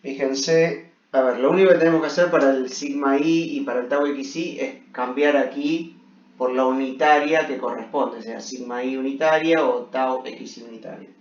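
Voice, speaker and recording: A man's voice: mid-range voice, fairly even intonation, normal speed. A man giving an engineering lecture at a blackboard, explaining step by step with frequent check-in questions. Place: echoey room at a blackboard. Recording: echoey room, muffled, distant mic.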